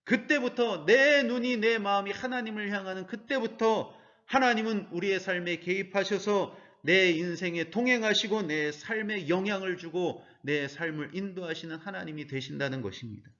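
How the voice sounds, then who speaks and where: A man's voice: sits high, moderate pace, a bit bright, dull audio. A man preaching a sermon as pastor, earnestly asking his listeners rhetorical questions.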